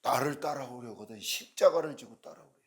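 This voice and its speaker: A middle-aged man preaching a sermon as a pastor, telling a story with animated quoted dialogue and sudden loud bursts. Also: medium pitch, a little fast.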